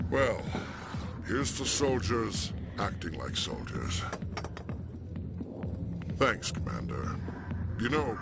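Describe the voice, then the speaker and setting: A man playing a gruff, scheming older military general in a video game. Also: fairly low pitch, heavily acted. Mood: hearty. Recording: loud music behind dialogue.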